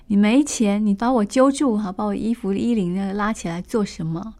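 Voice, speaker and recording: A woman's voice: medium pitch, a little mellow, natural voice. Woman doing a proud, restrained male swordsman. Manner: measured, reasoning.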